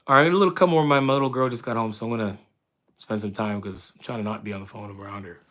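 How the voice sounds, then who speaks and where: A man's voice: fairly low pitch, steady tone, very fast, a bit bright. A man in his thirties from Canada, casually answering viewer questions on a live stream in a loose, friendly way with lots of fillers and restarts. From Windsor, Ontario, Canada. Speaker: fitness streamer answering chat.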